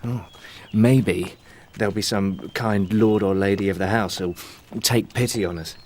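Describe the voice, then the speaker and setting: An actor playing an anxious, chatty, hapless man in an audio drama, with an excitable, comic, rambling manner. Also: lowish voice, a little slow, a little hiss or hum, close to an everyday voice. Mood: wistful, chatty.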